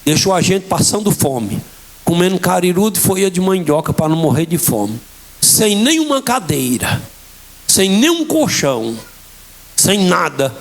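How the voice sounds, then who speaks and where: Fervent Bahian pastor with a high voice. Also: male voice, big pitch swings, measured pace, creaky. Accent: Bahian Portuguese. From Bahia, Brazil. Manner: fervent storytelling, acting out dialogue. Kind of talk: impassioned sermon with testimony. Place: church.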